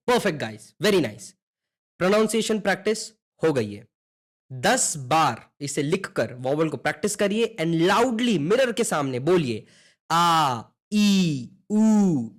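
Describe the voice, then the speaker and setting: A young man teaching an online beginner language lesson, speaking in a motivational way and calling his students brother and guys. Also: sits high.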